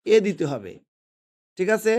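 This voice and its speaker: Male teacher, slightly high pitch, patient explainer who quizzes and answers himself. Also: sing-song, unhurried, darkish tone. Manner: patient, repetitive, asks and answers his own questions. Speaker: English teacher. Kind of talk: explaining English grammar lesson. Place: indoors, holding a pen.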